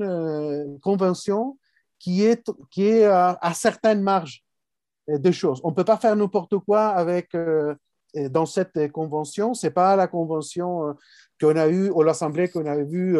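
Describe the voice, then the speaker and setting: A man closes an academic talk in a mellow, warm voice, a bit higher than most. He speaks haltingly, with frequent fillers. The sound is dry and close. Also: dry recording. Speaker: guest speaker.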